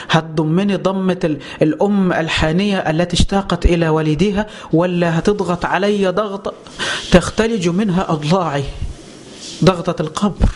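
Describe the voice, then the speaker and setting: A man's voice: high voice, a little hiss or hum. A man with an Egyptian Arabic accent preaching a religious lesson, firing rhetorical questions and answering them himself with passion.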